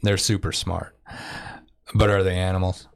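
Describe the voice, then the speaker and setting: Deep-voiced man musing in casual chat. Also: level tone, normal speed, vocal fry. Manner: musing, reflective. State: married. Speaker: podcast co-host.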